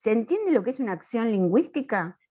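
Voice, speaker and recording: A woman teacher giving an online class, slow and questioning, checking often that students follow. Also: on the high side, big pitch swings, mellow. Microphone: video call. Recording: dull lo-fi video call audio.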